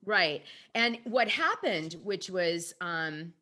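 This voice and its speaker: A woman hosts a casual chat in a bright, forceful voice that sits on the lower side. She talks bluntly and animatedly and swears freely. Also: animated, takes it slowly.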